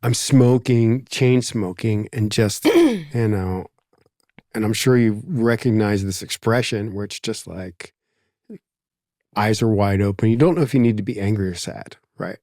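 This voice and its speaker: A man's voice: fairly low pitch, lively intonation, a little slow, a little mellow, dry recording, studio quality. A man with a Philadelphia accent, hosting a podcast in casual conversation, reflective and rambling with lots of asides. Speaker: podcast host.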